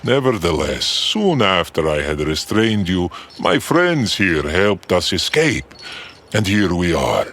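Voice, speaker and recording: A man voicing a scheming Boryot outlaw who talks smoothly and slyly in a slow drawl. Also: deep voice, big pitch swings, fairly bright tone, heavily acted.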